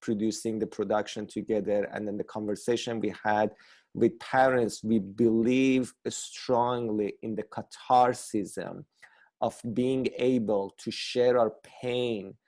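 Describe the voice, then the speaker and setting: A man directing a theater project, speaking earnestly with halting phrasing in an online workshop over a video call. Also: on the low side, steady tone, darkish tone.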